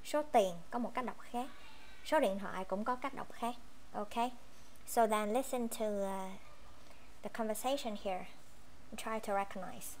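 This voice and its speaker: Vietnamese-accented woman, English teacher, unhurried and deliberate, reads each number out carefully. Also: medium pitch, a little mellow, a little hiss or hum. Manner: slow, careful reading of English numbers and sentences. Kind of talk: online English lesson, mixing Vietnamese and English.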